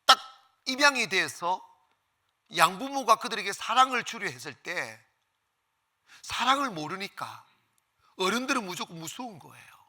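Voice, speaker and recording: A man preaching a Sunday sermon in a bright, forceful voice with a high pitch. His delivery is fervent and lively, swinging widely up and down as he leads the congregation in call-and-response. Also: moderate pace, long pauses. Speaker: pastor.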